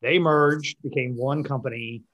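A man's voice: medium pitch, fairly even intonation, a little slow, a bit bright. A man hosting a podcast, talking in a chatty, rambling way that often interrupts itself. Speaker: podcast host. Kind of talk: casual podcast conversation. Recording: dull lo-fi sound.

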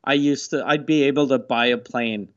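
A man's voice: mid-range voice, steady tone, normal speed, fairly bright tone, highs cut off. A man chatting casually on a podcast, blunt and profane. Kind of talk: casual chat.

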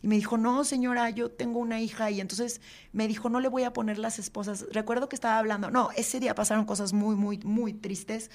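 A woman's voice: fairly high pitch, fairly even intonation. Earnest woman recounting a story. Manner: earnest, halting, with frequent fillers. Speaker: podcast guest. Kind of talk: personal storytelling in an interview.

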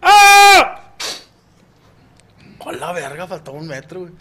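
A Mexican man telling crude jokes casually among friends, full of slang and doing lively voices for the characters. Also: on the high side, brisk. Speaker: joke teller.

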